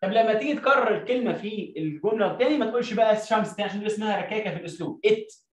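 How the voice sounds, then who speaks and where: A man with an Egyptian Arabic accent, teaching an English lesson. He reads English sentences slowly, word by word, and asks questions that he answers himself. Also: high voice, reverberant, low-quality recording. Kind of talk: explaining a lesson to young pupils.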